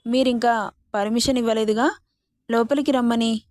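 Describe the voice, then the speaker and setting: A woman's voice: a little high, fairly even intonation, normal speed, a little mellow, close to an everyday voice. Woman reading as a sassy cheeky young woman. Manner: teasing and sassy, mock-tearful pleading. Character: bold, cheeky young woman job-seeker.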